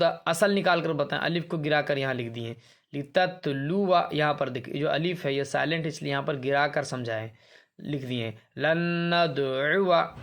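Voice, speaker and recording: A man with a slightly raised pitch teaches a reading lesson from a chart. He explains patiently, repeating each example word slowly. He asks a question and then answers it himself. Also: fairly bright tone.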